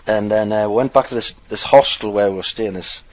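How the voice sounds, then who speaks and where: A young man from North East England, with a slightly Geordie accent, rambles through a loose anecdote in a casual recorded interview for a dialect archive. His voice sits on the low side and has a creaky quality, and he speaks at a moderate pace.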